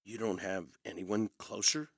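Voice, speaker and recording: In an intimate audio play, a male actor portrays a charming movie star and estranged older brother who blames himself. His lowish, husky voice stays steady, measured and quietly intense, with dry teasing. The mood is dry and probing.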